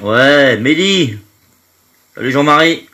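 A man hosting a home live stream speaks slowly and expressively in a mid-range voice that sounds pushed and bright. Congested from hay fever, he chats loosely, welcomes each viewer by name, and lets sentences trail off into fillers.

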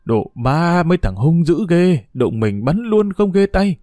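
A man doing a gruff shaken old villager. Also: medium pitch, expressive, normal speed, darkish tone, no echo, clean studio sound, natural voice.

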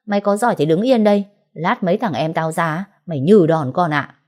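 A woman voicing a drunk, bullying man who shouts slurred abuse in speech, as an audiobook character. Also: lowish voice, fairly quick, natural voice. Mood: drunk, furious.

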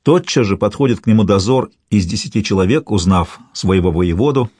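Low husky male audiobook narrator. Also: animated, brisk, darkish tone, no echo. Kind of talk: scripted narration of a historical novel.

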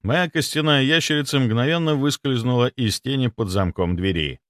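A man narrating a first-person audiobook in an expressive, wry manner. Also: mid-range voice, moderate pace, no echo, clean studio sound.

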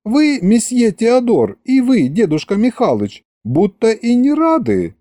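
A man reading an audiobook, voicing a giddy young vampire girl who gushes in drawn-out sighs. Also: extremely high pitch, wildly swooping pitch, dark tone, dry recording, studio quality, pitched above the performer's own voice, heavily acted. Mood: dreamy. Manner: sighing, drawn-out, breathless gushing.

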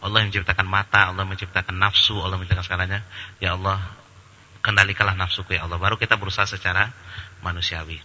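A man giving a lively religious lecture with a very bright, husky voice. He keeps it humorous and colloquial, acting out little anecdotes. The sound carries a long hall reverb. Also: deep voice, quick pace, lo-fi sound. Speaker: Islamic preacher answering questions.

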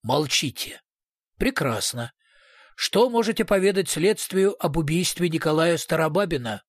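A man's voice: on the high side, animated, moderate pace, no room sound, studio quality. A man voicing a brutal male police investigator who switches between sugary politeness and snarling threats. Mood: mock-polite.

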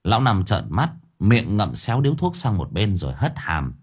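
A man narrating an audiobook story in expressive storytelling style. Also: fairly low pitch, normal speed, breathy edge.

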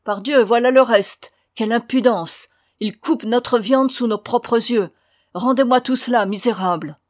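A woman reading a storybook voices a brutish leader of armed riders who bullies and shouts. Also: fairly high pitch, measured pace, no echo, clean studio sound, voice pushed up, natural voice. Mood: angry. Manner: bullying, shouting.

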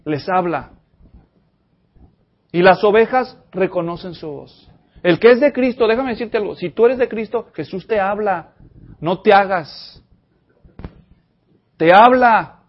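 A man preaching an expository sermon, addressing the congregation directly with animated energy. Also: high-pitched, measured pace, pauses often, lo-fi sound. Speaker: pastor.

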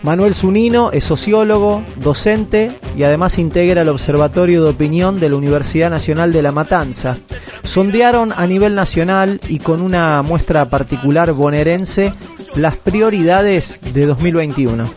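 Guy narrating a radio news piece, kinda high voice, soft music under it. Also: normal speed. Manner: reflective, rhetorical questions. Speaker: radio reporter.

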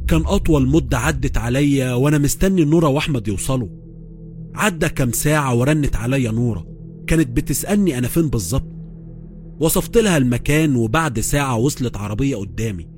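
Egyptian man, horror storyteller, fearful stammer, quick delivery, faint music. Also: mid-range voice, darkish tone. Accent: Egyptian Arabic. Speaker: narrator. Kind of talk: first-person horror storytelling.

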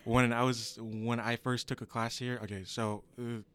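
A man's voice: mid-range voice, level tone, normal speed, crowd noise. A young man, an acting student, answering questions in a radio interview, rambling and correcting himself as he goes. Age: young adult. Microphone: studio microphone.

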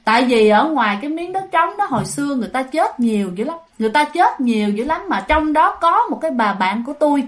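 A woman's voice: high-pitched, big pitch swings, fast talker, few pauses. A woman voicing an old village woman in her eighties, rambling and matter-of-fact.

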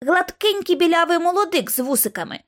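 A surly, greedy teenage watchman boy, put on by a woman reading a storybook aloud. He talks high and shrill, out of breath, his pitch leaping wildly from word to word. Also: animated, fast talker. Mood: wary. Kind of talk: audiobook character voice.

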